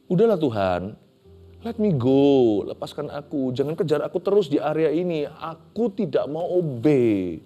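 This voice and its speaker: A man's voice: on the high side, warm tone, pitched above the performer's own voice. A man voicing the prophet Moses as a reluctant, pleading figure making excuses.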